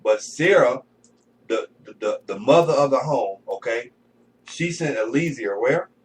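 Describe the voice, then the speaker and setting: A man's voice: mid-range voice, lively intonation, measured pace. A man commenting on scripture in a Bible study, emphatic and repetitive, breaking into laughs. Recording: slightly distant mic with faint background noise.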